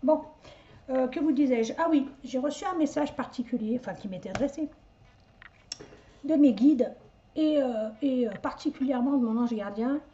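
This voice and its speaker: Une femme d'âge mûr, médium, qui bavarde et digresse avec autodérision en tirant les cartes chez elle. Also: female voice, high voice, normal speed, warm tone. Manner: chatty, rambling, self-mocking asides. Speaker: psychic medium doing a card reading. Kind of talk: casual chatty live reading. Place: at home, indoors. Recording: dull lo-fi home recording.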